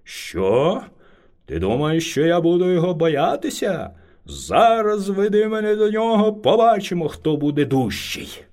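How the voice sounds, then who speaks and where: A man's voice: high voice, very animated, a little slow, exaggerated voice. A man voicing a hungry, furious male bear who lords it over the forest and roars insults. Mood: raging. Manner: roaring, shouting insults.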